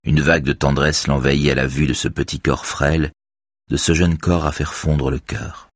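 A man giving a measured, even scripted narration of a novel. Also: a bass voice, husky, no echo, studio quality.

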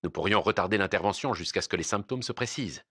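Man reading a calm cautious surgeon. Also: low voice, fast, breathy edge, no room sound, clean studio sound, heavily acted. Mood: measured.

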